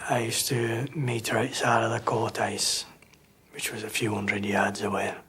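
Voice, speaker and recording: A bereaved father speaking in a halting, plain-spoken way in a documentary interview. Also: fairly low pitch, fairly even intonation, heavy background noise.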